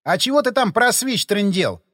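A man voicing a quarrelsome, mocking man who talks loudly and needles others, in a dry close recording. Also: high-pitched, sing-song, moderate pace, no echo, pitched above the performer's own voice, full character voice. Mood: gruff, prodding. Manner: mocking, snorting, loud. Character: gloating, quarrelsome man, jeering.

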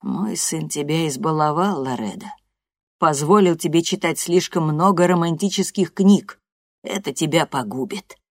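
A woman voicing a strict, blunt old grandmother who speaks slowly and sternly. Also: darkish tone, dry recording, studio quality. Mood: scolding. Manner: slow, low, stern.

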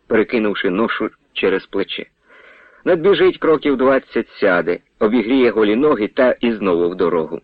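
A man's voice: fairly low pitch, no echo. Man narrating a novel, tinny radio sound.

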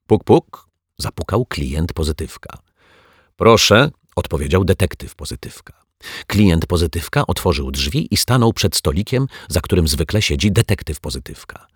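A man reading a children's story aloud in an expressive, animated way. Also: low voice, husky, no echo, clean studio sound.

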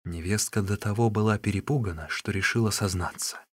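A man narrating an audiobook in a measured, expressive reading. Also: fairly low pitch, breathy edge, dry recording, studio quality.

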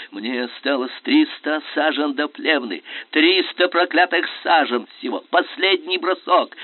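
A man's voice: medium pitch, no echo. A man voicing a passionate, defiant young general, heard over a tinny, phone-like radio line. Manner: impassioned, pleading, defiant.

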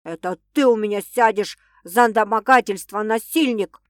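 A woman's voice: medium pitch, normal speed, dry recording, studio quality, lightly acted. A woman voicing a hot-tempered young man, an ex-husband, in an audiobook. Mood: furious. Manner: fierce, shouting.

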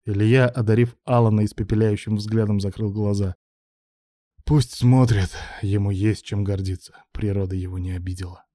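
A man reading a story aloud as narrator in an even, measured way. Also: on the low side, no room sound, clean studio sound. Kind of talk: audiobook narration.

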